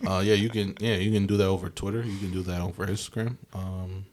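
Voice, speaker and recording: Low-voiced young man rambling on a podcast. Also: little pitch movement, quick pace, a little mellow. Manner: rambling, filler-heavy, lots of restarts. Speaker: podcast co-host. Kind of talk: casual chat.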